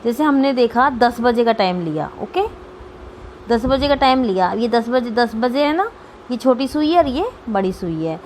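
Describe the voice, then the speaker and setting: A woman's voice: on the high side, expressive, normal speed, darkish tone, a little hiss or hum. A woman teacher giving a Sanskrit grammar lesson to students, patient, repeating each term and checking that they understand.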